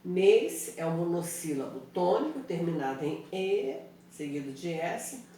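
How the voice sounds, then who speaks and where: A woman's voice: lowish voice, animated, measured pace, warm tone, a little hiss or hum. A woman teacher correcting exercises in an online class, explaining step by step and often checking in with the students. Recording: very echoey room, voice far from mic.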